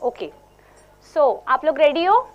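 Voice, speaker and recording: A woman's voice: high-pitched, sing-song, slow pace, lo-fi sound. A young woman teaching a dance class to children, mixing Hindi and English and coaxing them with questions. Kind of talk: teaching children in an online workshop.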